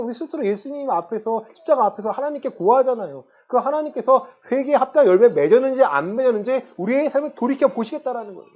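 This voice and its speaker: A man's voice: very high-pitched, a little mellow. Male pastor, 30s, preaching emphatic sermon, slightly dull lo-fi church recording. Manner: emphatic preaching with rhetorical questions to the congregation. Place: church sanctuary.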